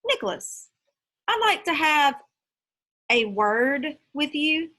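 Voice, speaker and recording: Stern storybook schoolteacher played by a woman, firm and animated. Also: high-pitched, takes it slowly, voice pushed up, heavily acted. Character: stern, shrewd female schoolteacher.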